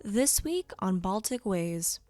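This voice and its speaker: A woman's voice: mid-range voice, big pitch swings, slow pace, warm tone, faint music behind. Woman reading a podcast network promo. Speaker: network announcer. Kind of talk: scripted promo read.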